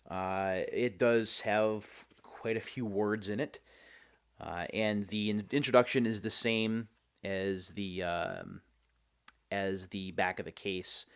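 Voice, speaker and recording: Low-pitched man hosting a casual unboxing. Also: smooth. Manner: chatty, thinking aloud as he goes. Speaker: host of a game unboxing video series.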